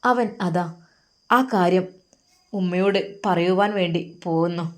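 A woman's voice: on the low side, measured pace. A woman narrating an emotive religious story. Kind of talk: scripted narration.

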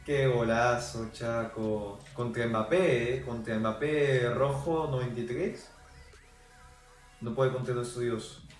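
A young man runs through football video game clips in casual, fast commentary, breaking into shouts whenever a goal goes in. His voice sits mid-pitch and bounces around an echoey room. Faint music plays underneath. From Peru. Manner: excitable, erupts into shouting over goals. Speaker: FIFA video reviewer. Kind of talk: gameplay commentary.

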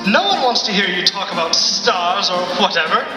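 A man's voice: high voice, lively intonation, normal speed. A man on a convention stage playing a flamboyant, groovy disco-styled character, recorded from far off in an echoey hall. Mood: sassy. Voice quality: sassy and flamboyant. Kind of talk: amateur cosplay stage skit. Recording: echoey hall, far from the mic, loud music.

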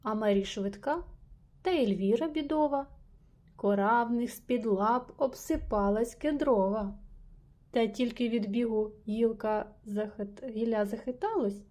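A woman reads a rhyming children's story aloud at a slow, careful pace. Her voice sits slightly high, with a mellow, dark tone. She leans into the rhymes with playful emphasis. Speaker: reader.

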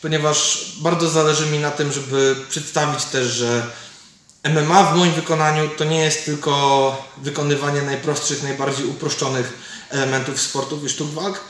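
Inside a large MMA cage gym, a man teaches martial arts techniques, explaining informally as he shows them. His voice is fairly high and a bit bright, evenly intoned and moderately paced, recorded by a distant camera that picks up echo and noise.

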